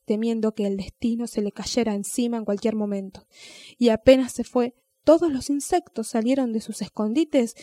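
A woman reading a children's story aloud with gentle, expressive storytelling. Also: a little high, no echo.

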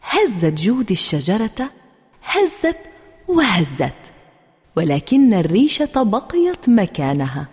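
Woman narrator, children's story, husky voice, lively sing-song pitch, long reverb. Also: slow.

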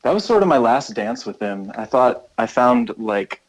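With a mid-range voice and moderate pace, an American touring musician talks casually over the phone for an interview. His manner is loose and rambling as he thinks aloud, captured on a rough recording.

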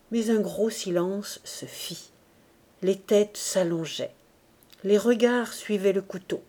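A woman reading a classic novel aloud as an audiobook, with measured, expressive narration. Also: medium pitch. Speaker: audiobook reader.

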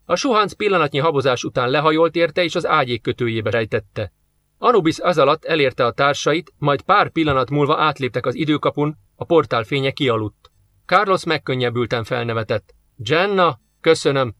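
A man narrating a science-fiction audiobook in a steady, even storytelling manner. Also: fairly high pitch, no room sound. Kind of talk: scripted narration.

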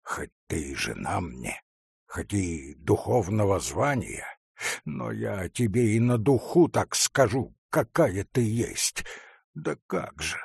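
Male reader puts on a scared, grumbling sexton with a husky, slow mutter for a storybook. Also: deep voice, big pitch swings, darkish tone, no room sound, studio quality, voice pushed down, exaggerated voice. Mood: tearful. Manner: hoarse, grumbling, tearful accusing mutter. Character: frightened superstitious village sexton, middle-aged man.

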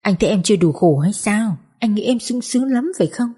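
A woman's voice: medium pitch, expressive, a little fast, mellow, slightly rough. A woman voicing an anguished wife and mother pleading with her husband, reproachful in tone.

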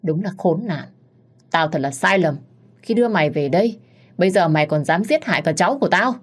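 A woman's voice: lowish voice, measured pace, a little mellow. Mean old mother-in-law, scolding and harsh, lady narrator putting her on.

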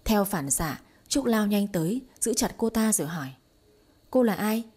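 A woman reading a romance story aloud in an even, smooth storytelling manner. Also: medium pitch, moderate pace. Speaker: story narrator. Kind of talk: scripted narration of a romance story.

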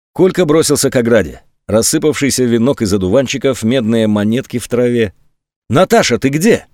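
A man narrating a tense literary audiobook in a measured storytelling voice. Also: medium pitch, warm tone, no room sound, studio quality.

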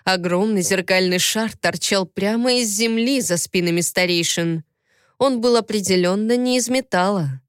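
Crisp, dry woman reading a novel. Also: mid-range voice, moderate pace, no echo. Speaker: audiobook narrator. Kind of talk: first-person audiobook narration.

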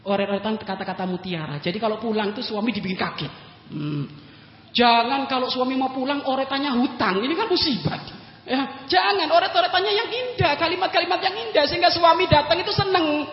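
A male Islamic preacher giving a humorous sermon, joking with his congregation and firing quick questions at them, swinging from loud bursts to low asides. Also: animated. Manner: jokey, addresses listeners directly with quick questions. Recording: echoey hall, dull lo-fi sound.

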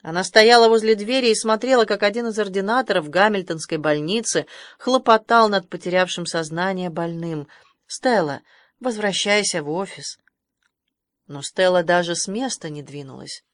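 A woman's voice: fairly low pitch, fairly quick, dry recording. Woman narrating a novel, dry studio sound. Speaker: audiobook narrator. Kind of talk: scripted narration.

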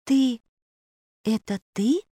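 A woman voicing a bold, clever young girl who asks sharp, probing questions in a storybook reading. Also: a little high, extremely slow, no room sound, studio quality, pitched above the performer's own voice. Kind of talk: audiobook character voice.

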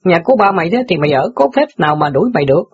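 A brash, teasing street newspaper boy, acted by a man in an audiobook drama. He talks fast with a high, lively, husky and gravelly voice. The recording sounds dull and lo-fi. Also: heavily acted.

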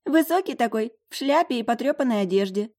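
Woman reader putting on a high, eager young roommate, jumpy and excitable. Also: brisk, lightly acted. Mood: giggling. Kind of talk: audiobook character voice.

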